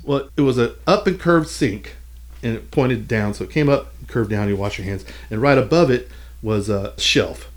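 A man telling lively stories in a casual chat, acting out his own reactions as he goes. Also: medium pitch, normal speed. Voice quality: animated, expressive delivery. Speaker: podcast guest.

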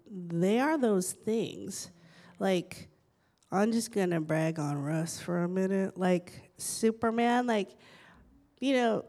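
A woman's voice: medium pitch, darkish tone. A woman facilitating a casual group sharing session, prompting people in an encouraging, upbeat way.

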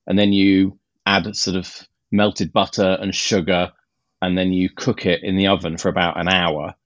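Deep-voiced man, chatty guest. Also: level tone, normal speed, fairly bright tone, no echo, muffled recording. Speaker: podcast guest. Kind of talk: casual chat.

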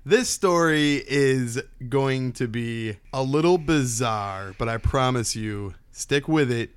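A man's voice: mid-range voice, takes it slowly, clear, resonant tone, no echo. A male podcast host with a casual storyteller's delivery. He talks in a folksy, conversational way and likes to draw out the suspense. The sound is dry, with very little room on it.

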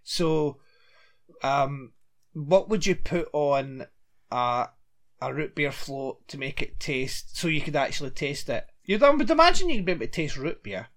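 A man's voice: a little high, big pitch swings, fairly bright tone. A man, chatting casually and rambling a little as he recaps a TV episode as a podcast co-host. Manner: chatty, rambling, quick to laugh.

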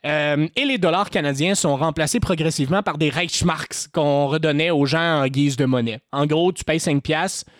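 A man with a Québécois French accent telling a history story on a podcast in an animated, joking way. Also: normal speed, dry recording, clean studio sound. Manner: animated, jokey, lively pitch swings. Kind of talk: casual storytelling chat.

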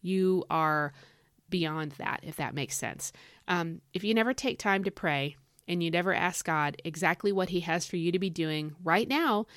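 A woman's voice: fairly low pitch, moderate pace, a bit bright, dry recording, studio quality. A woman giving an informal devotional talk, exhorting listeners in an emphatic, conversational way and repeating key phrases.

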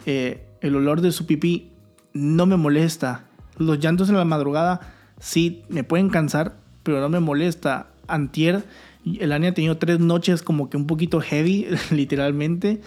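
A young man with a fairly high voice speaks in an earnest, candid way, as if talking straight to his viewers. His casual vlog delivery is heartfelt and plain. Soft music plays faintly behind him. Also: steady tone, normal speed. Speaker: vlogger, new father. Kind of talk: casual vlog talk to camera.

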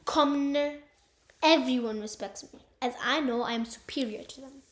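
A vain, gullible king brags about his own greatness, as a woman voices him. His tone is haughty and boastful, and the voice sits a little high. It comes from an amateur radio play. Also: moderate pace, echoey room, close to an everyday voice.

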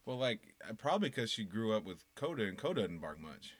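A man co-hosting a podcast in casual chat, relaxed and joking, swearing easily and laughing often. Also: lowish voice, brisk, dry recording. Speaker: podcast co-host.

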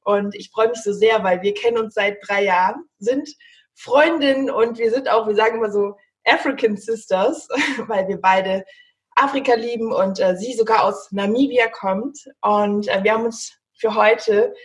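A woman's voice: mid-range voice, moderate pace. A woman hosting a podcast, welcoming her guest in an effusive, gushing way. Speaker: podcast host. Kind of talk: casual podcast interview.

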